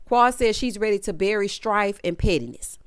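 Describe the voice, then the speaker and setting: A woman's voice: mid-range voice, moderate pace, clean tone, dry recording, studio quality. A woman hosting a reality TV recap with casual, sassy commentary full of slang and teasing asides. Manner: sassy, animated, drawling slang.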